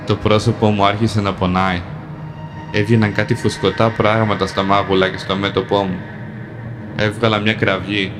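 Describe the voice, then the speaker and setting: A man with a lowish voice narrates a dark first-person fantasy story, calm and measured, one short sentence at a time. Clear music plays under his reading.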